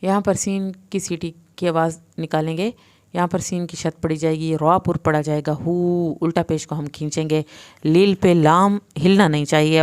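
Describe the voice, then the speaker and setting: A woman teaching Quran recitation rules, explaining each sound patiently step by step and reciting verses in long, drawn-out phrases. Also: fairly low pitch. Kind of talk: tajweed lesson with slow recitation.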